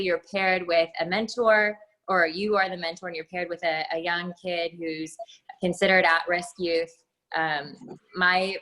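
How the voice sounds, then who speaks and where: Bright-voiced earnest woman guest. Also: lowish voice, low-quality recording. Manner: earnest, halting, gracious. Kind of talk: casual interview talk.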